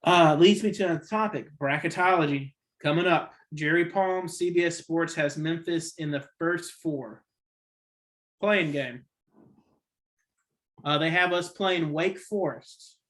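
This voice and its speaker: A man's voice: on the high side, a little slow, a bit bright. A man hosting a casual sports podcast, rambling and opinionated, correcting himself often, with the hiccups. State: has the hiccups. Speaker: podcast host.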